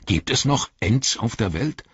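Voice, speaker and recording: A man's voice: medium pitch, expressive, unhurried, husky, no room sound, dull audio, pitched above the performer's own voice. A man voicing an earnest, questioning male ranger in an audiobook.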